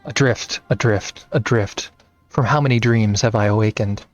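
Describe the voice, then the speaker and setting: A man voicing a melancholy, theatrical male rock star in a slow, dramatic way. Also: on the low side, dull audio, soft background music, natural voice.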